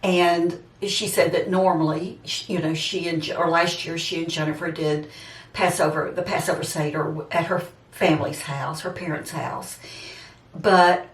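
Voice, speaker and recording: A seventy-six-year-old woman with a deep voice addresses her viewers directly in a casual, somewhat rambling vlog chat. She speaks at a moderate pace with fairly even intonation, recorded from afar in a roomy, echoey space.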